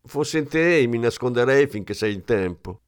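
Narrator voicing a hard-bitten ex-cop, cool and threatening, dry delivery. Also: male voice, medium pitch, expressive, normal speed, smooth, no room sound, natural voice. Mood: menacing. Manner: cool, threatening, dryly mocking.

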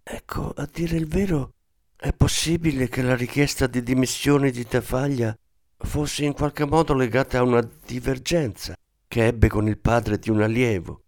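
A man's voice: steady tone, moderate pace, no room sound, clean studio sound, natural voice. A man voicing a nervous, evasive priest. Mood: pleading. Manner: defensive, pleading, higher and softer. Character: evasive middle-aged male priest, school director.

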